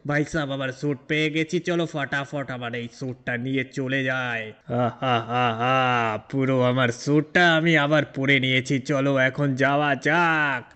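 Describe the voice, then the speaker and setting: A man's voice: medium pitch, fairly even intonation, normal speed, few pauses, pushed and bright, clean tone, close to an everyday voice. A man role-playing a boastful young game hero, talking in a rambling, chatty way. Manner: rambling, chatty, repeats fillers. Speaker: gameplay narrator and role-player. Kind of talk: game role-play narration.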